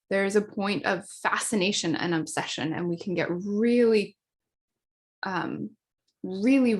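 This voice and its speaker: A woman astrologer giving a casual explanatory talk, quick and chatty, with fillers and self-corrections. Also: mid-range voice. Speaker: astrologer teaching a class.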